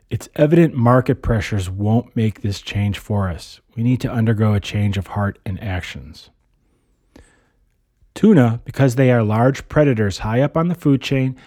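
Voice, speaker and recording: Male narrator, nature-documentary style explainer. Dark, relaxed tone, dry close sound, conversational with wry asides. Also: fairly low pitch, no echo. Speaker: host, narrator.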